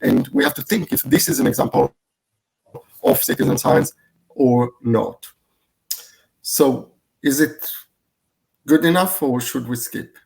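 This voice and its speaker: Man, conference presenter, gravelly, husky, hesitant with fillers, video call. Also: mid-range voice, expressive, a little slow, pauses often, a little mellow, low-quality recording. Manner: hesitant, with many fillers and restarts.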